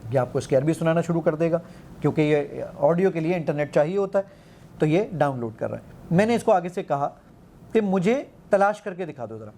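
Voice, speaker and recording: A man's voice: fairly high pitch, expressive, mellow. A man, an app founder, eagerly demonstrating his app in an interview, quoting the commands he gives it and counting aloud.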